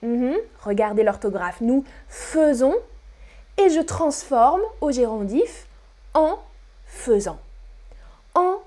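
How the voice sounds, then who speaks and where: A woman teaching a French grammar lesson on a live stream, speaking slowly and deliberately and repeating key words. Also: high-pitched, animated, dark tone. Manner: slow, deliberate teaching with repetition; whispers on purpose as a demonstration.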